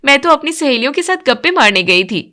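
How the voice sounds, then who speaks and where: Woman doing a cheeky young girl, brighter voice. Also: high voice, sing-song, pitched above the performer's own voice, heavily acted. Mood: teasing. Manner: quick, teasing.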